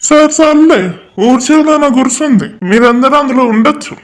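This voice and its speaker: A man's voice: extremely high pitch, fairly quick, rough recording. A man with a Telugu accent voicing the men in a cartoon moral story, stern and scolding. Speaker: storyteller voicing the male characters.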